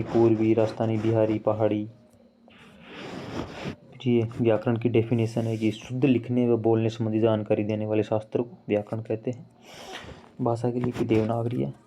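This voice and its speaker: A man teaching Hindi grammar in a casual online lesson, explaining slowly and repeating examples as he addresses viewers as friends. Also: mid-range voice, gravelly, mellow, a little hiss or hum. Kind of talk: casual screen-share lesson.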